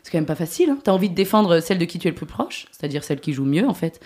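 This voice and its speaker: A woman's voice: lowish voice, slight background noise. A woman delivering a comic rant column on a talk show, exasperated and swearing as she vents. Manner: fast, exasperated, swearing, animated. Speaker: comedy columnist. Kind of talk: ranting comic chronicle.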